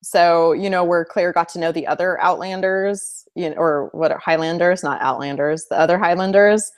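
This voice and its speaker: A woman's voice: on the low side, steady tone, normal speed. A woman co-hosting a casual fan discussion show, chatty and opinionated, who laughs while she talks. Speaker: co-host. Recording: web show hangout recording.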